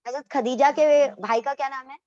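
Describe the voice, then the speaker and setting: Woman teacher lecturing casually, quizzing students, fairly high voice, dull dry recording. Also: steady tone, normal speed, mellow, no echo. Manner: questioning, explaining step by step; self-correcting, restarts. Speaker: Islamic history teacher.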